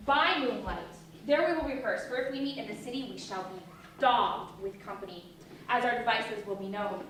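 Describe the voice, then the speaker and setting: A woman's voice: a little high, normal speed, fairly bright tone, natural voice. A woman playing an earnest, firm troupe organiser, declaiming in a Shakespeare stage comedy. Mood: coaxing. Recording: echoey hall, distant mic, faint noise.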